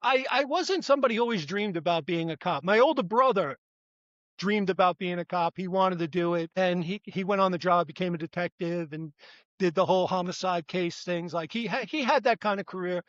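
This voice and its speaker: A man's voice: high voice, fairly quick, fairly bright tone, dry recording, highs cut off. An older man, a retired police detective, talking as an interview guest in a rambling, self-correcting way. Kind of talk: conversational interview.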